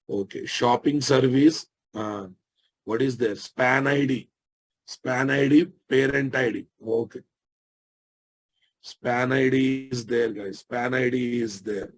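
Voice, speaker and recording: A man with an Indian Telugu accent giving a live technical lesson as a software instructor, repeating each phrase and checking that listeners follow. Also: mid-range voice, fairly even intonation, unhurried.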